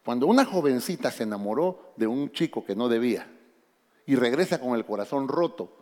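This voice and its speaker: With a brisk delivery and a medium-pitched voice, a man preaches as pastor inside a church whose big-room acoustics surround him. He engages the congregation directly and animatedly, calling out to them again and again.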